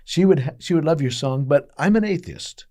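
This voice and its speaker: A man's voice: on the high side, animated, a little fast, darkish tone. A man voicing a skeptical middle-aged businessman, dry and guarded, in nearly his own voice.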